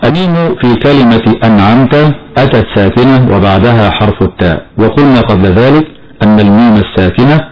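A man teaching Quran recitation rules in a measured, explanatory way, chanting short verses slowly as examples. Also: lowish voice, a little hiss or hum. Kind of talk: tajweed lesson with slow recited examples. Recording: dull lo-fi broadcast audio.

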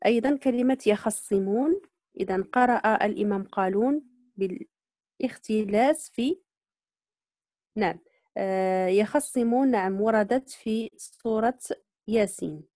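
A woman teaching Quran recitation, patiently explaining readings, slowly modeling words and checking that students follow. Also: medium pitch, dark tone, no room sound, clean studio sound. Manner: patient, repeats points and checks understanding. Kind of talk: online tajweed lesson.

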